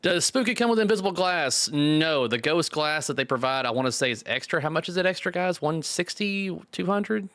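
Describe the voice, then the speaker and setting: A man's voice: fairly high pitch, animated, a little fast, few pauses, fairly bright tone, no echo. A man hosting a casual live chat stream, talking in a chatty, informal way. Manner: chatty, informal with occasional swearing.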